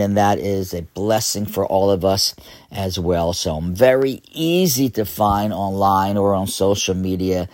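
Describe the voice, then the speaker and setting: A hoarse man hosting an inspirational religious radio show, speaking earnestly and repeating phrases for emphasis. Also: lowish voice, no room sound, studio quality.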